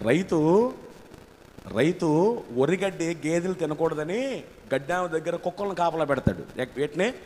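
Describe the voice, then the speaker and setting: A man's voice: a little high, animated, normal speed, long pauses, darkish tone, a little hiss or hum. A man preaching a sermon as pastor, firing rhetorical questions and calling on the congregation to repeat phrases after him. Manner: call-and-response preaching, asks congregation to repeat; rhetorical questions, rising intensity. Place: church hall. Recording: reverberant church hall.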